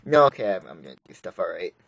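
A gaming YouTuber delivers casual gameplay commentary, rambling, joking and exclaiming often. His deep voice is expressive and rapid-fire, a bit bright and slightly rough, with vocal fry, and the recording's highs are cut off.

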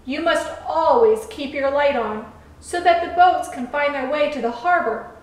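A woman's voice: high-pitched, moderate pace, lightly acted. A woman voicing a friendly, caring male lighthouse keeper in a storybook. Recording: echoey room from far off.

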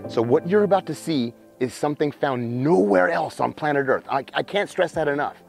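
Excited man hosting a wildlife show. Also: on the high side, normal speed, vocal fry, over music. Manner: excited, emphatic showman delivery. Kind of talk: enthusiastic outdoor nature presenting. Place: outdoors by a cave in open country.

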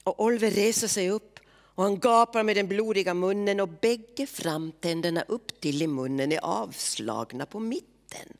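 A woman reading literary prose aloud in a measured, expressive way. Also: on the low side. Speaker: reader.

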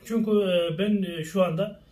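A man's voice: sits high, fairly even intonation, moderate pace, warm tone, recorded from a distance. A man ranting angrily to his followers, firing off rhetorical questions and repeating himself. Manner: heated, repetitive, rhetorical questions. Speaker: social media personality. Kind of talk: angry personal rant to followers.

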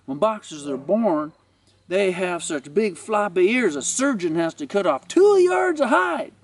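A man's voice: high-pitched, very animated, unhurried, distant mic. A man voicing a cocky, wisecracking male ranch dog who taunts with a mocking drawl. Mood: taunting.

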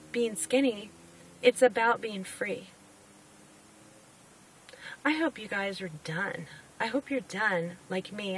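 Filming a heartfelt personal vlog from her parked car, a woman in her forties from Oregon, United States, talks about her weight loss and repeats phrases to stress them. Her voice is medium-pitched and fairly bright, recorded by a dashboard camera whose slightly distant mic catches outside noise.

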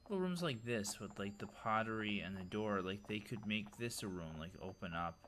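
Man, very low voice, loose enthusiastic game-tour commentary; hissy home recording. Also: expressive, normal speed, a bit bright. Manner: rambling, filler-heavy, enthusiastic. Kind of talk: casual gameplay commentary.

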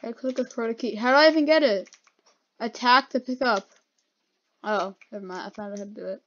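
A woman hosting a playthrough gives casual gameplay commentary in a slightly high, brisk voice, her speech a bit altered by dental retainers. The lo-fi mic sounds dull, and keyboard clicks are audible.

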